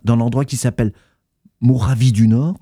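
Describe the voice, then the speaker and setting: Chatty Alsatian radio host, mellow voice. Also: male voice, medium pitch, fairly even intonation, fairly quick. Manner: chatty and effusive, slips German words into his French. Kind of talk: radio interview. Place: radio studio.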